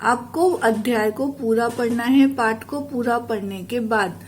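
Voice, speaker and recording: Slow, measured woman teaching a lesson. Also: fairly high pitch, slight background noise. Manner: slow, measured explanation with example sentences. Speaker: school teacher. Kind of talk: recorded classroom lesson.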